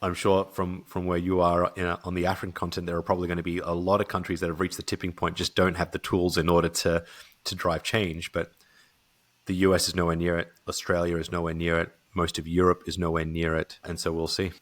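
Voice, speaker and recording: Male podcast guest, deep voice, reflective and hedging delivery. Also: completely flat delivery, a little fast. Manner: thoughtful, hedging, with restarts. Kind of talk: casual conversation.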